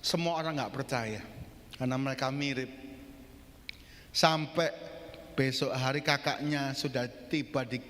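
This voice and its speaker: A male pastor telling a story in a sermon, animated and often addressing his congregation. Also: medium pitch, a little slow, pauses often, long reverb tail. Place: church in Surabaya.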